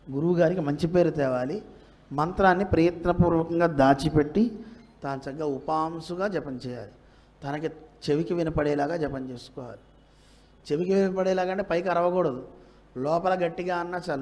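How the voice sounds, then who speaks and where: A man giving a devotional discourse, chanting verses slowly and asking the audience rhetorical questions with emphasis. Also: fairly high pitch, darkish tone. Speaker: religious teacher.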